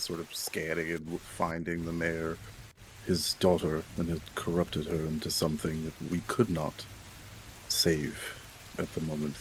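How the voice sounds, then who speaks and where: Player, man, very low and slow, faint hiss behind. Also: poor audio. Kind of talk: narrating a tabletop game.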